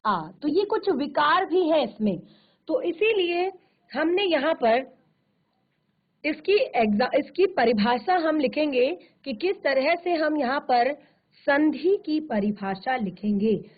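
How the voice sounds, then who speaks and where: Female teacher, high register, slow and repetitive delivery, poses questions then answers them, studio class recording with a thin phone-like sound. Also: expressive. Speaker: Hindi teacher. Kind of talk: virtual classroom grammar lesson. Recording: narrow phone-like band.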